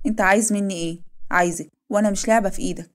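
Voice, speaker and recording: A woman's voice: medium pitch, steady tone, very fast, lightly acted. A woman doing a hurt, defiant Egyptian girl. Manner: sharp, defiant.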